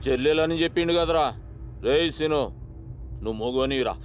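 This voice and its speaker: A man playing a swaggering gang boss, fast. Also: a little high, lightly acted. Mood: scolding. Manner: bossy, scolding, slangy. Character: swaggering male gang boss, bossy and crude. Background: film score music.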